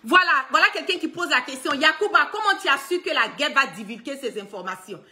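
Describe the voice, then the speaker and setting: A woman's voice: high voice, animated, fairly quick, pushed and bright. A woman talking casually to her followers in a video, emphatic and insistent, often stopping to restart and filling gaps with small filler words. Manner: heavy use of fillers and restarts. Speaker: online political commentator.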